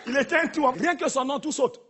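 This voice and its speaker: A fairly quick, very high-pitched man's voice delivers a stand-up routine live in a theater, punchy and teasing toward the audience. Crowd sounds and noise fill the recording.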